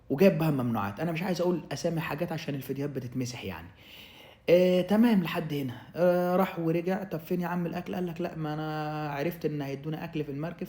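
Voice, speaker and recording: Fast-talking Egyptian man, echoey room. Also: fairly high pitch. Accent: Egyptian Arabic. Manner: animated storyteller, acts out quotes, addresses listener as "ya m'allem". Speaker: vlogger telling his own migration story. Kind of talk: casual storytelling to camera.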